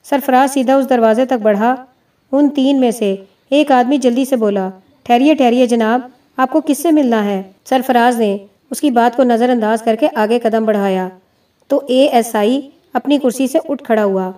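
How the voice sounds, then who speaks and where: A woman narrates a novel in a steady, even read. Her voice is mellow and fairly high. She sits well back from the microphone. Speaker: audiobook reader. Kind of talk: scripted narration. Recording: distant mic.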